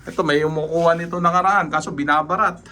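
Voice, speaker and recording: Chatty man with a higher voice, in a noisy pigeon loft. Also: steady tone, pushed and bright. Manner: chatty, points things out with quick asides. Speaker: pigeon breeder showing his birds. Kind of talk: casual vlog walkthrough.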